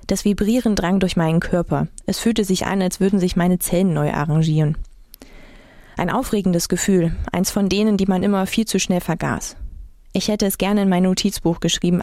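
A woman's voice: on the low side, moderate pace, dark tone, no room sound. Woman reading a novel in a dry voice. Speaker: audiobook reader. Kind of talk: first-person novel reading.

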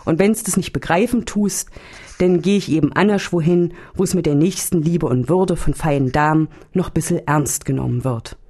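Woman doing a gruff old doctor. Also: fairly low pitch, animated, takes it slowly, few pauses. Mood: ranting. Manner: blustering, then mournful.

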